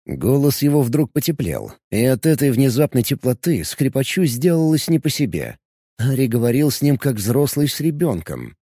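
A male audiobook narrator with a mellow, darker tone and a lively, expressive pitch. He reads in an even, unhurried way, recorded dry and close to the mic. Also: breathy edge, no echo. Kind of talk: scripted narration.

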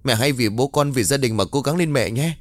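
A man voicing a gentle daughter-in-law who soothes and reassures her family in a story. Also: medium pitch, a little fast, no echo, pitched above the performer's own voice, close to an everyday voice. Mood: soothing. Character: gentle young woman, comforting daughter-in-law.

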